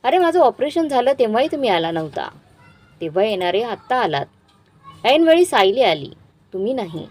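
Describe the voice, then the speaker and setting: A woman doing a bitter, shouting old father. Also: very high-pitched, very animated, normal speed, exaggerated voice. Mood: angry, bitter. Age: older. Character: elderly retired father, angry and hurt.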